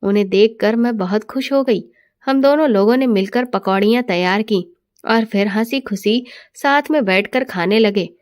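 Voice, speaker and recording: A woman narrating a first-person family story in a steady, expressive storytelling manner. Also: medium pitch, moderate pace.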